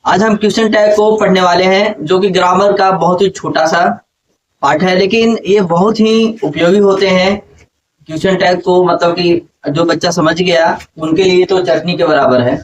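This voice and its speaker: A man's voice: high-pitched, muffled recording. A man teaching a grammar lesson to a classroom, often asking his students questions and repeating key points. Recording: distant, light background noise.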